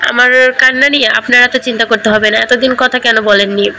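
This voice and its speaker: A sulky young woman in love, pleading and tearful by nature , read by a woman in her own voice. She speaks in a fairly high voice with a gravelly edge. Her lines come across as a storybook reading. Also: steady tone, fairly quick, background noise, close to an everyday voice. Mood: hurt.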